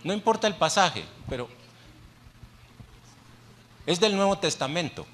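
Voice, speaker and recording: A man's voice: high voice, lively intonation, measured pace, a bit bright. A male pastor preaching a sermon in a church, talking conversationally, putting questions to the congregation and repeating phrases for emphasis. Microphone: handheld microphone.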